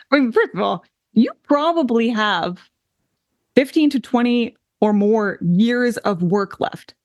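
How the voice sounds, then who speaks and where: A woman co-hosting an advice podcast, chatting casually in an upbeat, emphatic way and quick to agree. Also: fairly high pitch, lively intonation, no room sound, dull audio. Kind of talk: casual chat.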